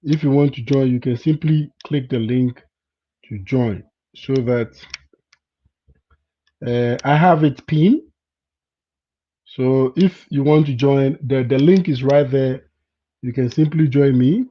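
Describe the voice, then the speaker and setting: Taking it slowly and pausing often, a Ghanaian vlogger with a medium-pitched voice chats casually with viewers on a live stream. Words get repeated, he frequently checks in with "you understand?", and the audio is dull and lo-fi.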